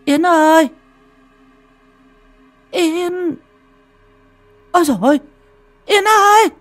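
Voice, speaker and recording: A man voicing a frantic village mother, calling out and crying in high shrill cries. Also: slow, a bit bright, soft background music, exaggerated voice.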